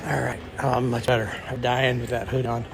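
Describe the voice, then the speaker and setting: A man's voice: mid-range voice, flat delivery, fairly quick, gravelly, very noisy. Chatty man vlogging aboard a cruise ship. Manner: chatty, talks to viewers while walking. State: out of breath from climbing stairs. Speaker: travel vlogger. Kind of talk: casual walking vlog. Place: cruise ship interior, stairwells and lounges.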